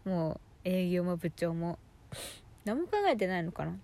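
A woman in her twenties chatting casually in slangy gyaru, valley-girl style, telling stories in an animated, exasperated way as she hosts a personal audio diary. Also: on the low side, unhurried, vocal fry. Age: 20s. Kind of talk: casual chat, venting monologue.

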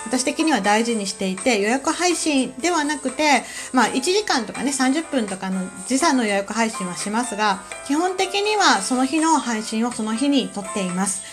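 A woman from Kansai with a Kansai accent, hosting a relaxed solo talk show with a calm manner and many soft fillers. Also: fairly high pitch, moderate pace, hardly any pauses, soft background music. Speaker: podcast host.

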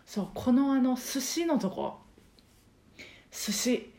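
A woman hosting a casual solo podcast, talking in a soft, breathy voice with many fillers as she explains things. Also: sits high, lively intonation, takes it slowly, reverberant. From Osaka, Japan. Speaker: podcast host and karaoke teacher.

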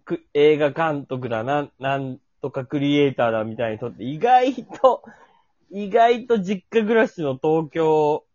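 Kansai man, fairly high voice, animated casual talker, close dry recording. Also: measured pace, dry recording, dull audio. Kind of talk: casual chat.

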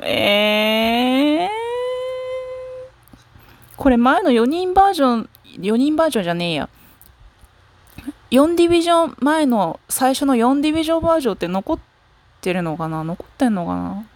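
A woman musing aloud in a casual solo talk, rambling and frank, stopping often to correct herself and trailing off into fillers. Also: sits high. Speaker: solo talk show host. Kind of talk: casual solo fan chat. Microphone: smartphone app recording.

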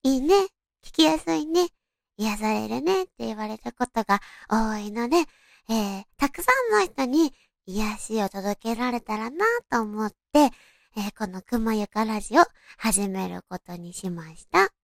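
A woman's voice: mid-range voice, expressive, moderate pace, vocal fry, dry recording, studio quality. A young woman with a cute, distinctive anime-like voice, hosting a casual solo talk and introducing herself in a polite, friendly way. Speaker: host of a solo audio show.

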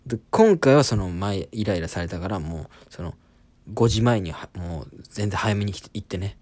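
A man's voice: on the low side, animated, normal speed, darkish tone. A man in his twenties, a comedian hosting a podcast, telling an embarrassing story in a casual, self-deprecating comic monologue. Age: 20s.

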